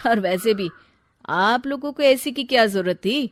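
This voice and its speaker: A woman's voice: a little high, a little slow, close to an everyday voice. A woman voicing a blunt young married son in a cartoon, speaking firmly and matter-of-factly. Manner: firm, matter-of-fact. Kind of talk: cartoon voice acting.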